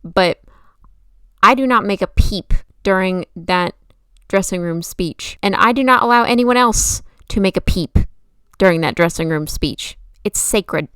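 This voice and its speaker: A woman's voice: mid-range voice, unhurried, a bit bright, smooth, no room sound. A woman giving enthusiastic, conversational film commentary in an emphatic, gushing and casually opinionated way. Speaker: video essayist and film commentator.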